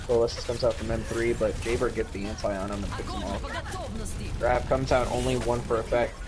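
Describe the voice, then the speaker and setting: A man casting an esports match play-by-play, relaxed and a little tired. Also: mid-range voice, normal speed. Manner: relaxed, tired, yawning between calls. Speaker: esports caster. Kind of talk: play-by-play commentary. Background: music.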